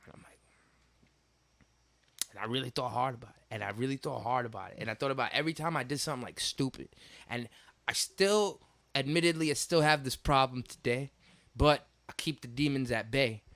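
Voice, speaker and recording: A young man co-hosting a podcast, telling childhood stories in a loose, animated way and acting out the voices. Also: medium pitch, a little fast. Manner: animated storyteller, acts out voices, laughs often. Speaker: podcast co-host. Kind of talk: casual chat.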